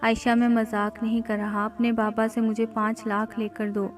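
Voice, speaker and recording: A woman's voice: a little high, completely flat delivery, normal speed, natural voice. A woman voicing a young husband who speaks in a curt, scolding way. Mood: harsh. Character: young husband growing harsh and greedy.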